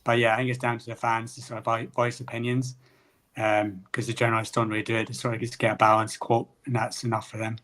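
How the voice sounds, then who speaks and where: A man's voice: medium pitch, level tone, quick pace, a bit bright. A man co-hosting a casual football podcast, talking loosely with lots of filler words. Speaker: podcast co-host.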